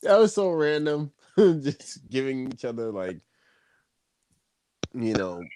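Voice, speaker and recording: A man co-hosting a podcast in casual chat, laid-back and laughing easily, with drawn-out hedging. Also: mid-range voice, big pitch swings, dark tone, no room sound, rough recording.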